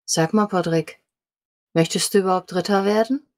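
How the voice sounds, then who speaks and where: A woman's voice: medium pitch, steady tone, normal speed, a little mellow. A woman playing a squire character in a tabletop role-play, speaking in a direct, challenging way. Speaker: player.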